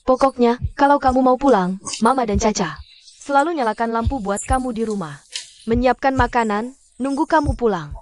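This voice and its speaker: A woman's voice: a little high, moderate pace, close to an everyday voice. An actress voicing a doting, chatty middle-aged mother who fusses over and coaxes her grown son, in a dubbed drama. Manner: fussing, coaxing.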